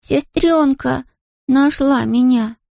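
A woman's voice: high-pitched, gravelly, a little mellow, voice pushed up, heavily acted. A woman doing a proud little toddler boy. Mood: proud, cheerful. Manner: slow, sing-song, mangled grammar. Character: small boy toddler, proud, broken childish speech.

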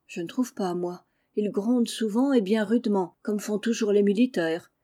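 A woman's voice: medium pitch, normal speed, dark tone, close to an everyday voice. A woman voicing a haughty, selfish young girl with a disdainful manner. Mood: piqued. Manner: piqued and disdainful.

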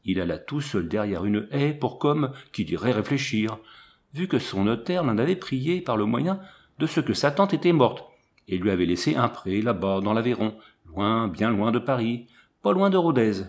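An earthy young French soldier, wary and plain-spoken, with a dry doubt in how he talks about far-off lands and beasts, as a man reads him aloud in an audiobook. His voice sits at an ordinary middle pitch, much like the reader's own. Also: lively intonation, normal speed, lightly acted. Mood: storytelling. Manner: plain-spoken, drily skeptical. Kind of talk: audiobook character reading.

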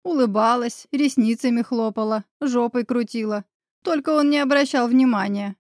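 A woman's voice: moderate pace, a little mellow, no room sound, natural voice. A woman reading the part of a bitter, defensive middle-aged woman in an audiobook, voice close and dry. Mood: bitter confession. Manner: shrill and defensive. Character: bitter scheming middle-aged woman, future mother-in-law.

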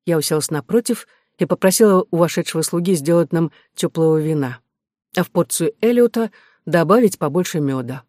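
A man reading a first-person audiobook narration in a steady, expressive way. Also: on the high side, brisk, dry recording, studio quality. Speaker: audiobook reader.

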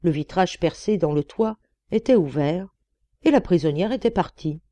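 Lady reading an audiobook, calm steady pace, dry close sound. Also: lowish voice, moderate pace, dry recording. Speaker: audiobook reader. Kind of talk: scripted narration.

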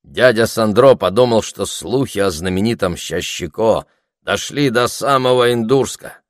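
Deep-voiced man reading an audiobook. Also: moderate pace, no room sound, studio quality. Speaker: audiobook narrator. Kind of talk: scripted narration.

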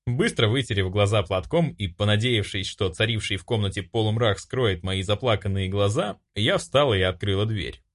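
A man narrating a fantasy audiobook in an expressive storytelling manner. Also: fairly low pitch, normal speed, hardly any pauses. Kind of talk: scripted narration.

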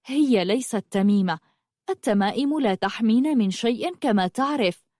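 A woman voicing a caring young woman who gently insists. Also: fairly high pitch, animated, moderate pace, dry recording, studio quality. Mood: insistent.

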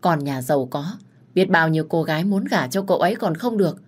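A woman's voice: sits low, moderate pace, a little mellow. A woman voicing an older female household servant, polite to her mistress and harsh when scolding the young maid.

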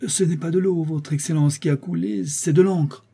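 A man's voice: a little high, steady tone, normal speed, dark tone, husky, voice pushed up. A man voicing a dismayed, deferential butler who reports to his mistress in a flustered, hesitant way, in an audiobook reading. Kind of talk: audiobook character voice.

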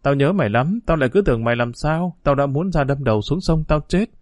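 A man's voice: a little high, lively intonation, brisk, dry recording, lightly acted. A man voicing a young street boy who is timid, clingy and tearful, pleading with his friend in a Vietnamese storybook reading.

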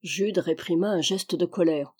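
Woman with a mellow reading voice. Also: lowish voice, husky. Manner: measured, steady reading. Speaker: audiobook reader. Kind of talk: literary audiobook narration.

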